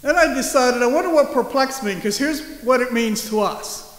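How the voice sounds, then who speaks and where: Joking pastor in an echoey church. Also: male voice, extremely high pitch, normal speed, a bit bright. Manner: conversational, joking. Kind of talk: sermon.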